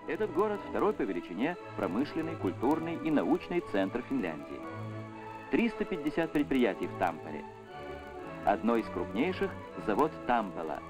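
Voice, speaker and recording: A man's voice: medium pitch, big pitch swings, normal speed, poor audio. Old newsreel voice-over, man, official declamatory tone, widely swinging intonation, music underneath. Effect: old 1970s newsreel soundtrack. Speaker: newsreel narrator. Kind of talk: 1970s Soviet newsreel narration.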